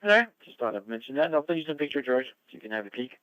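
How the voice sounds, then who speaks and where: A man's voice: medium pitch, very animated, very fast, a bit bright, no room sound, low-quality recording. A man chatting casually as an amateur radio net controller over a two-way radio, rambling and friendly. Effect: two-way radio transmission.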